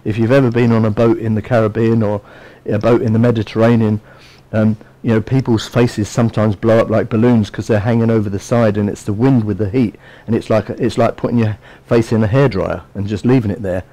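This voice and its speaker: A man's voice: on the low side, steady tone, fairly quick, mellow, rough recording. Man preaching in a chatty, storytelling way. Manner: conversational, storytelling delivery with frequent asides. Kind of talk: sermon.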